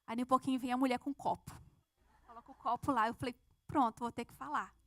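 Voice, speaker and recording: A woman's voice: a little high, fairly even intonation, fast talker, fairly bright tone, no echo. A woman telling a testimony in church, earnestly acting out her prayers. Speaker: church member giving a testimony. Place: church sanctuary.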